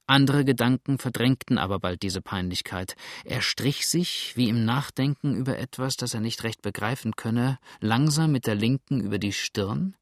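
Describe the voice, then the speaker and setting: A man reading a novel aloud as narrator, measured and even. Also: medium pitch, no echo, clean studio sound. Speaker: audiobook narrator. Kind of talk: scripted narration.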